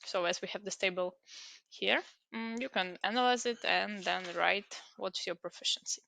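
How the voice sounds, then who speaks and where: Explaining an online application step by step in a screen-recorded walkthrough, this young Ukrainian-native presenter hesitates often and uses many fillers. Her voice is mid-range and bright but gravelly, at normal speed with a forceful tone.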